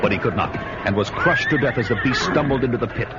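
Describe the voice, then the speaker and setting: Muffled under loud music, a male actor narrates a radio drama in an animated, natural, medium-pitched voice at a quick pace. He plays a grim, battle-worn barbarian hero relating his own tale in the first person.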